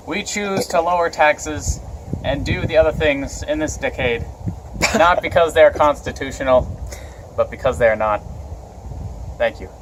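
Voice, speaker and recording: A man's voice: mid-range voice, slight background noise, lightly acted. A man playing a blustering older male politician who gives a rambling, preachy speech with folksy asides in a comedy sketch.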